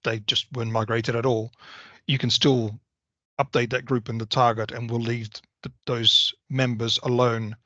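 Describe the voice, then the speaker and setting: A bright-toned man on a video call. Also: mid-range voice, little pitch movement, normal speed, dry recording. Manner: methodical, explanatory. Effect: video call audio. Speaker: software presenter. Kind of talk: technical product walkthrough. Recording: slightly dull video call audio.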